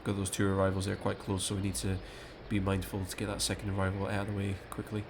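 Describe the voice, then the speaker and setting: A man's voice: sits low, completely flat delivery, quick pace. A man playing an air traffic control game, thinking aloud as commentary and giving clipped, formulaic radio calls.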